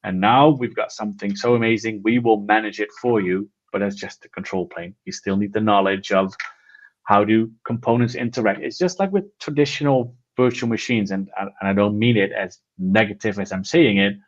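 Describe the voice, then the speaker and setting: A lower-pitched man talks through a casual tech conversation with eager enthusiasm. He rambles and restarts his sentences as he goes. The recording sounds a little dull and lo-fi. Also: fairly even intonation, moderate pace. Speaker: podcast co-host.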